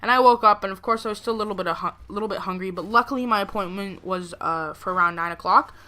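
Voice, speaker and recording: A woman's voice: mid-range voice, quick pace, pushed and bright. A young woman telling a personal story in a casual, rambling way, peppered with filler words like "like" and "you know". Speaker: gameplay video creator. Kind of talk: casual storytelling over gameplay.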